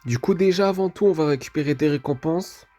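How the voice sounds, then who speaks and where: A man's voice: fairly high pitch, a little fast, dark tone, soft background music. A man, casually commenting on a mobile game while opening rewards, hesitant and full of fillers. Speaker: gaming video creator.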